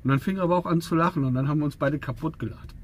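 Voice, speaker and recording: A truck driver telling stories in a casual, rambling vlog with many fillers. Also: male voice, fairly high pitch, rapid-fire, a little hiss or hum. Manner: chatty, rambling, with frequent fillers.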